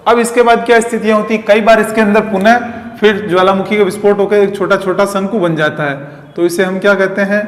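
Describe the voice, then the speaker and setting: Male teacher, high voice, long hall reverb; explains step by step, answers his own questions. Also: steady tone, brisk. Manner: draws diagrams while talking. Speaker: geography teacher. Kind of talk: classroom lecture. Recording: echoey, reverberant room.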